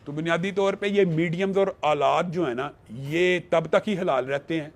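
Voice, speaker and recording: A man with a somewhat raised pitch argues his case in a panel discussion. He talks with earnest conviction, as a religious scholar would, and quotes scripture to back his points.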